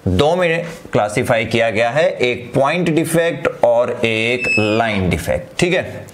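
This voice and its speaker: A man teaching chemistry. He mixes English terms into Hindi, often checks in with his students and dictates headings slowly. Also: mid-range voice, expressive, background noise. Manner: slows right down to dictate headings. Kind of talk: online class lecture.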